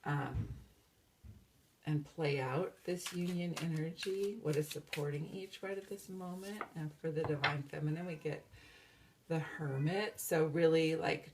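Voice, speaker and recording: A woman's voice: deep voice, darkish tone. A woman giving a casual, meandering tarot reading, dreamy and full of fillers and restarts. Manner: self-described valley-girl talk. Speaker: tarot reader.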